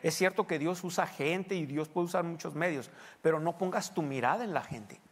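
A man's voice: a little high, normal speed, husky, big-room sound. A male pastor preaches a sermon in a church. He talks to the congregation conversationally and often asks them questions.

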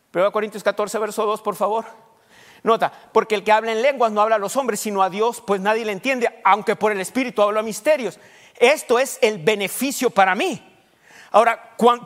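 High-voiced pastor preaching in a hall. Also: male voice, fairly bright tone. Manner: preaching with questions to the congregation, rushed bursts. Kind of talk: sermon. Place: church sanctuary.

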